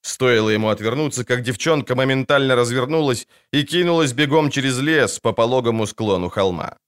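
A man's voice: medium pitch, brisk, a bit bright, clear, resonant tone. A man narrating a fantasy audiobook in a vivid, dramatic storytelling manner.

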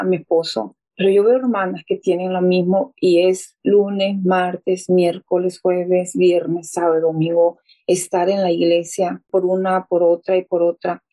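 Earnest woman, warm mellow voice. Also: on the low side, steady tone, a little slow, hardly any pauses, poor audio. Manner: earnest storyteller, acting out quoted voices.

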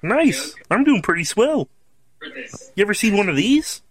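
A woman's voice: mid-range voice, big pitch swings, measured pace. A young woman making friendly small talk on a random video chat, her voice coming through glitchy, warbling call audio. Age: young adult. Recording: compressed video-chat clip replayed over a screen share, faint hiss.

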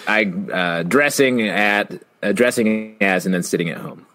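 A man's voice: lowish voice, measured pace, a bit bright. A middle-aged man chatting and joking casually as a panelist on a show.

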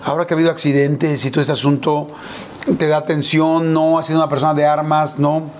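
A man's voice: fairly high pitch, level tone, brisk, slight background noise. A man hosting a casual interview, reacting briefly and asking direct questions. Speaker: interviewer, host.

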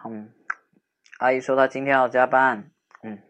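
A young man performing a role-play audio drama as a sharp-tongued, teasing childhood friend who softens into comforting, speaking with a lilt. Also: medium pitch, level tone, a little fast, lo-fi sound, a little hiss or hum. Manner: teasing, snarky, then gently soothing.

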